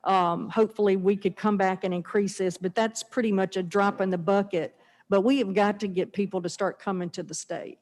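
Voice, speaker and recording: A woman's voice: medium pitch, fairly even intonation, fairly quick, darkish tone. A female legislator talking through a face mask, explaining a bill in a chatty, earnest way with some restarts. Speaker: state legislator presenting a bill. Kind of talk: formal committee testimony. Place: legislative committee room. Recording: reverberant hall.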